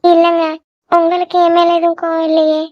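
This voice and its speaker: Very high, sweet cartoon girlfriend voiced by a woman. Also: monotone, brisk, no echo. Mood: apologetic. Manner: soft, pleading, apologetic. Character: young woman girlfriend, sweet, quick to apologize. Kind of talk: cartoon voice acting. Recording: dull lo-fi dry recording.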